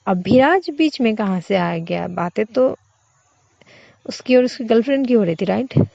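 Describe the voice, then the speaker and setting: Woman voicing a calm, teasing young woman. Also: fairly high pitch, normal speed, creaky, dry recording. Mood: curious. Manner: reassuring, playful. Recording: dull, dry lo-fi recording.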